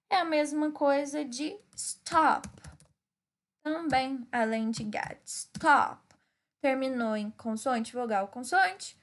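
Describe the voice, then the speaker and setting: A Brazilian woman teaching an English grammar lesson. She explains the rules step by step and checks in with her students as she goes. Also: high voice. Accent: Brazilian Portuguese. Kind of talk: recorded class explanation.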